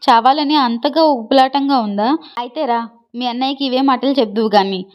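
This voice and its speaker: A woman's voice: high-pitched, moderate pace, clean tone, lo-fi sound, close to an everyday voice. A woman voicing an angry, sarcastic young man in a read-aloud love story, blunt and scolding. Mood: scornful. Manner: scornful, mocking. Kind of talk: storybook reading.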